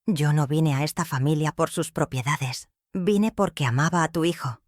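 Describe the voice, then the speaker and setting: A woman voicing a young wife in a storybook drama, firm and quietly hurt. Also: low voice, moderate pace, dry recording, clean studio sound, close to an everyday voice.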